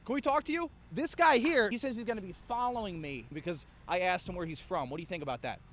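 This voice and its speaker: A man's voice: high voice, fast talker, fairly bright tone. A man filming a confrontation outdoors, questioning someone in a challenging, argumentative way. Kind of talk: confrontational street recording.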